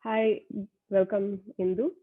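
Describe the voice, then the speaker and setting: A woman hosts an interview in a friendly way, asking questions and nodding along with short replies. Her voice is of middle pitch for a woman. It comes through a thin, phone-like line. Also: little pitch movement, slow pace. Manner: friendly, brief affirmations. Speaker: host. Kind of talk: interview hosting.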